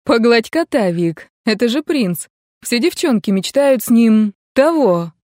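A woman's voice: fairly high pitch, sing-song, measured pace, a little mellow, dry recording, clean studio sound. A woman reading the part of a sarcastic, teasing young male mercenary in an audiobook. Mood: mocking. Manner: mocking, joking drawl.

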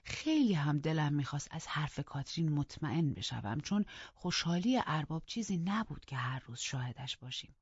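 An audiobook narrator telling a novel in the first person, in a measured storytelling manner that drops to a hush at times. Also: medium pitch, sing-song, breathy edge, no room sound. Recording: dull lo-fi audiobook recording.

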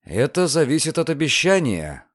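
A man voicing a calm, inquisitive young lawyer in an audiobook, measured and probing. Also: a little high, dry recording, studio quality, voice pushed up.

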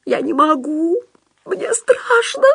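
A woman's voice: medium pitch, slow pace, dry recording, clean studio sound. A woman voicing a timid, frightened young male psychiatric patient who whimpers shrilly on the edge of tears.

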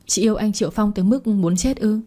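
A woman's voice: mid-range voice, fast, mellow, natural voice. A woman voicing a frightened young woman who pleads urgently. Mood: pleading.

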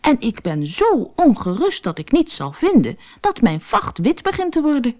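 A woman's voice: wildly swooping pitch, normal speed. A woman voicing a small, worried young male stoat in a children's storybook, anxious and pleading. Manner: anxious, pleading, high and bright.

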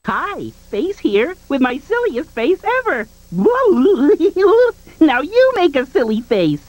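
Face, a giggly cartoon face. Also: female voice, high voice, very animated, slow pace, a little mellow, exaggerated voice. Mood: giggly playful. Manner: giggly, playful, talks to kids. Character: cheerful giggly cartoon face, childlike joker. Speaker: kids' channel mascot. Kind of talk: children's TV cartoon bumpers. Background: music.

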